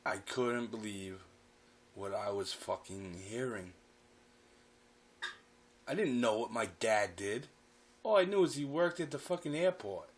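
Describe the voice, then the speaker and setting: A man's voice: lowish voice, unhurried, long pauses. A man telling a personal anecdote, swearing freely as he goes. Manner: profane, animated storytelling. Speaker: storyteller.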